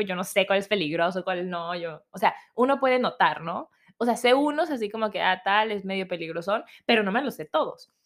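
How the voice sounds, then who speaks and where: A young woman with a Mexican accent, telling a personal story in casual, chatty storytelling. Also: medium pitch. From Guadalajara, Mexico. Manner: chatty, animated, acts out quoted voices.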